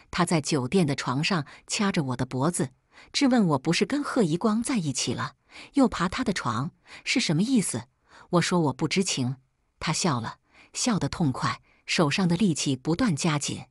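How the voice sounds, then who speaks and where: A woman narrating a scripted first-person story in a measured, plaintive way. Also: lowish voice, slightly rough, no room sound, studio quality.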